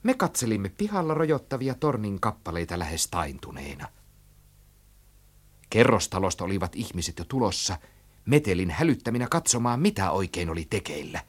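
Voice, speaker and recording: A man reading a children's story aloud in an animated, rhythmic storytelling style. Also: sits low. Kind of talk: expressive storybook narration.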